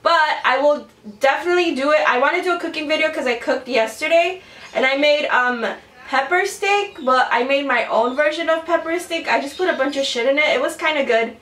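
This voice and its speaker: Her voice high, a little quick and somewhat bright, a young woman in her twenties vlogs casually about makeup straight to camera. She's a bit congested from a cold and rambles with lots of fillers; the room echoes and the microphone is set back somewhat.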